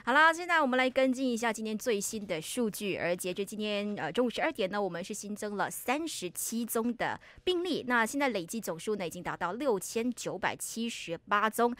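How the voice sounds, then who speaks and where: A woman reads news updates on the radio in a brisk, upbeat way, drawing out her sentence particles. Her pitch is middling for a woman. The studio sound is close and dry. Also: expressive, a bit bright, no echo. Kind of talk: conversational news reading.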